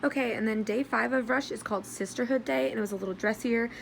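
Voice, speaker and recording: A young American woman chatting casually in a vlog with bubbly sorority-girl energy, her voice hoarse as if she is losing it. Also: fairly high pitch, quick pace, slight background noise. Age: young adult. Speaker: vlogger.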